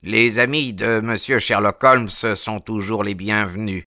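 A man voicing a gruff old animal keeper who shouts threats, then turns friendly. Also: medium pitch, animated, a little slow, no room sound, studio quality.

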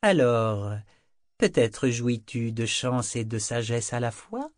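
A man's voice: medium pitch, very animated, takes it slowly, no room sound, studio quality. A man voicing a small, mocking carved wooden charm that speaks cryptically. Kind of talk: audiobook character voice.

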